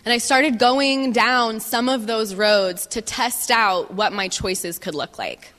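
Woman speaker, bright tone, measured testimony in phrases, big reverberant hall. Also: fairly high pitch. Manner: measured, pausing for translation. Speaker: guest speaker. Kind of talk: testimony talk with interpreter.

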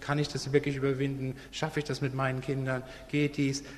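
A man's voice: medium pitch, completely flat delivery, fairly quick, a little hiss or hum. A man preaching a sermon, retelling a Bible story and acting out quotes in casual voices. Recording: long hall reverb.

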